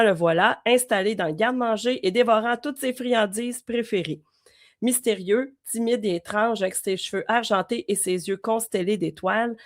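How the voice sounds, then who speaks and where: Québécoise woman on a podcast, mid voice, quick yeahs and a careful read-aloud. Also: medium pitch. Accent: Québécois French. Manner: brief agreeing replies, careful reading. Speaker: podcast co-host. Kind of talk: casual chat and reading aloud.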